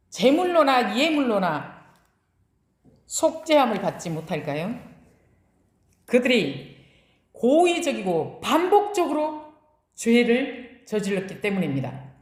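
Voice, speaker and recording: A woman's voice: a little high, sing-song, slow pace, long pauses. A woman pastor preaching a sermon, putting rhetorical questions to her congregation and answering them herself. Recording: echoey room.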